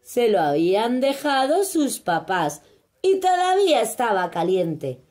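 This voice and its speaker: A woman telling a children's storybook tale. She reads slowly and expressively, her fairly high voice rising and falling with lively animation.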